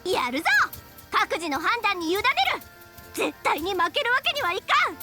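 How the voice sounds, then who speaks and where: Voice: extremely high pitch, very animated, fast talker, over music. A performer voicing an eager, cute young anime-style character in a cartoon.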